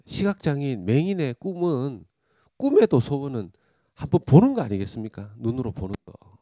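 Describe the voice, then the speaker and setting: A middle-aged pastor preaching a sermon, telling a Bible story and acting out the cries and thoughts of its figures, often rising to a loud voice. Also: male voice, medium pitch, big pitch swings, moderate pace, no echo, studio quality.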